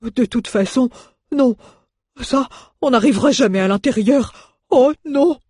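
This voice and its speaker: A woman's voice: a little high, measured pace, mellow, breathy edge, dry recording, studio quality, voice pushed up. A woman voicing a grumbling, greedy male dwarf in an audiobook reading. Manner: grumbling, complaining.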